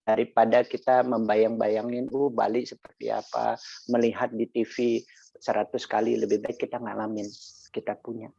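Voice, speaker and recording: A man's voice: medium pitch, flat delivery, normal speed, creaky, warm tone, no echo, dull audio. A man speaking in a motivational sharing session, telling a story with casual slang and acting out both sides of a conversation. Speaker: insurance agent sharing experience.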